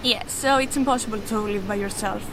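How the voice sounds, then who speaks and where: A woman's voice: mid-range voice, a little fast, noisy background. A woman, speaking frankly and sarcastically in a street interview on a city rooftop. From Greece. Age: 20s.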